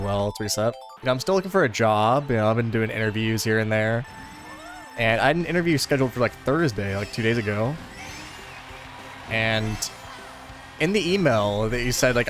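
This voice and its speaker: A man's voice: medium pitch, a bit bright. A young man chatting casually while playing a racing game, telling a rambling story full of fillers. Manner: rambling, laid-back storytelling with many fillers. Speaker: gaming video host. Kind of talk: casual chat over gameplay.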